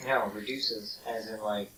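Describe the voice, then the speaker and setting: A man casually explaining a game fight to his co-host in a matter-of-fact, low-key way. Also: fairly even intonation, unhurried, bright, forceful tone, husky, low-quality recording. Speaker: gaming co-host. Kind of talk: casual gameplay commentary.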